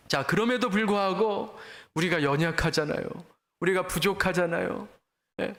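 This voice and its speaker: High-voiced man preaching in an echoey church. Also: fairly bright tone. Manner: earnest, direct address to the congregation with rhetorical questions. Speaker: senior pastor. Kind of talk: sermon. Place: church sanctuary.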